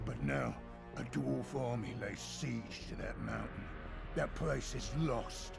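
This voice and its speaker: Croaky humble goblin fighter, fantasy game, lively pitch, loud music behind. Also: male voice, slow pace, full character voice. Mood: awed, pleading. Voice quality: croaking, gravelly. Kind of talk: dramatic fantasy game acting.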